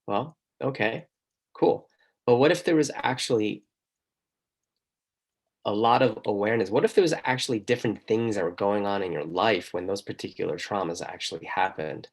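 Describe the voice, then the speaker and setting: Male host, low gravelly voice, emphatic questioning monologue. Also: moderate pace. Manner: emphatic, asks the listener many questions. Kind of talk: motivational monologue.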